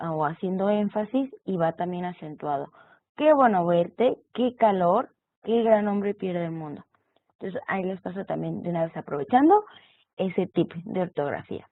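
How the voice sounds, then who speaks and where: A woman's voice: medium pitch, dry recording. Tinny-sounding woman teaching a lesson. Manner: explanatory, spells out examples. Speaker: online course teacher. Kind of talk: recorded online lecture. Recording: tinny phone-like audio.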